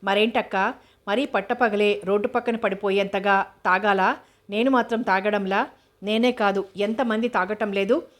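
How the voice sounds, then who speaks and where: A woman's voice: medium pitch, steady tone, moderate pace, lightly acted. A woman reading as a curt, serious young man. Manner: irritated, terse.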